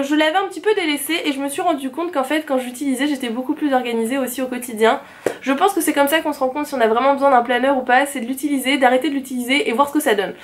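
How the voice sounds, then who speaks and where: A young woman vlogger chatting eagerly about her planners in a casual show-and-tell. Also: high-pitched. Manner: chatty and enthusiastic, gushing.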